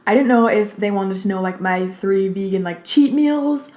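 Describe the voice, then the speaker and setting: A woman hosting a mukbang, chatting informally with lots of "like", pausing to take bites and chew, slightly out of breath. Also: mid-range voice, expressive, darkish tone, a little hiss or hum. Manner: informal, peppered with "like". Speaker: mukbang host. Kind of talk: casual chat while eating. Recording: roomy, echoey indoor sound.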